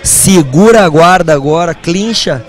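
A man's voice: fairly high pitch, animated, unhurried, faint music behind. A Brazilian man giving live kickboxing commentary as a fight commentator.

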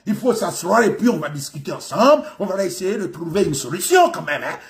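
A man voicing a brash young man speaking French with an Ivorian accent, loud and swaggering. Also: high voice, big pitch swings, brisk. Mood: placating.

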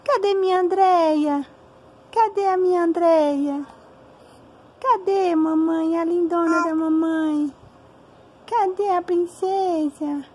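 A woman with a very high, drawn-out voice coos at her infant daughter. She talks slowly, in a sing-song, repetitive way. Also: steady tone, darkish tone. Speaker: mother. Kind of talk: baby talk to an infant.

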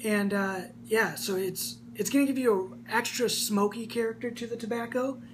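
A man's voice: high voice, fairly even intonation, normal speed, poor audio. Enthusiastic young man reviewing casually. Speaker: snus reviewer. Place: small room indoors. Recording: faint background hum.

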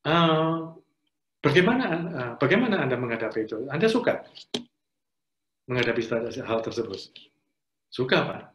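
A man's voice: mid-range voice, animated, normal speed, long pauses, a bit bright, a little hiss or hum. A man giving a conversational career-skills lecture over a video call, acting out interview exchanges as he teaches. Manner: conversational, acts out interview dialogues. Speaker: career trainer. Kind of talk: online training lecture. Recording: roomy, dull lo-fi audio.

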